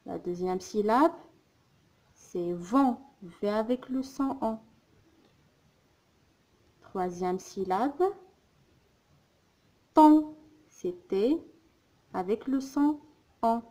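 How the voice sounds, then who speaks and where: Woman teacher, fairly high voice, drawn-out phonics drill, very slow. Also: animated, warm tone. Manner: sounds out words slowly, repeating syllables. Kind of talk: slow, careful phonics lesson.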